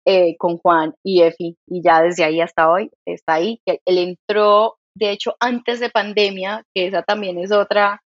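A Colombian woman with a mixed Santander and Bogotá accent, a guest telling a lively story and quoting herself as she goes. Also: lowish voice, moderate pace, hardly any pauses, no echo, lo-fi sound. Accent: Colombian, mix of Santander and Bogotá. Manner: animated, quotes herself, laughs often. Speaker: podcast guest, company founder. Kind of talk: casual interview storytelling.

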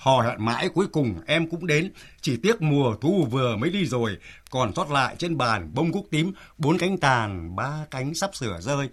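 A middle-aged man hosting a radio talk show, animated and theatrical, at times reciting poetry. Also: medium pitch, moderate pace. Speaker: radio host.

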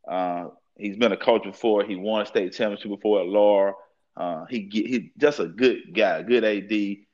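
A young man who coaches football talks through the interview in a very deep, easygoing voice and keeps circling back to the same stock phrases. The sound is a little dull, like a lo-fi recording. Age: young adult. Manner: relaxed, repeats fillers like "at the end of the day". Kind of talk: casual interview.

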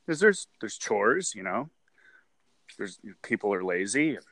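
A man's voice: lowish voice, sing-song, measured pace, a bit bright, no echo. A man in his forties, a guest on a casual interview, rambling and repeating words, with frequent laughs. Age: 40s.

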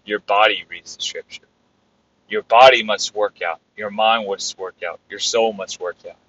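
Bright-voiced male podcast preacher. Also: on the low side, fairly even intonation, moderate pace, lo-fi sound. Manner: preachy, repetitive, builds to loud exclamations. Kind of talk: informal sermon.

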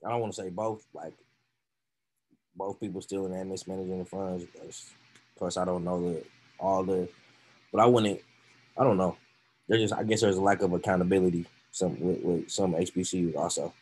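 A man speaking in a tentative, halting way in a casual discussion. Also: low voice, fairly even intonation, a little mellow, slight background noise, low-quality recording.

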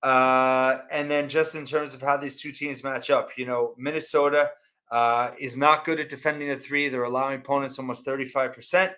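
A man hosting a sports preview, talking off the cuff through stats in a halting way. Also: medium pitch, level tone, bright, forceful tone. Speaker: sports podcast host.

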